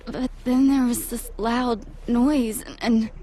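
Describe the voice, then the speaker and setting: A flustered young woman stumbles over her words in a video game cutscene. Her voice is a little high but soft and mellow. A faint hiss runs under it. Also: steady tone, slow pace.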